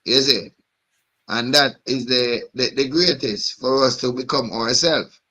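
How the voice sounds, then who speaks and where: Bright-voiced man, rambling chat. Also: medium pitch, measured pace. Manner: rambling, repeats "you know what I mean". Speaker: live stream host. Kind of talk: casual chat.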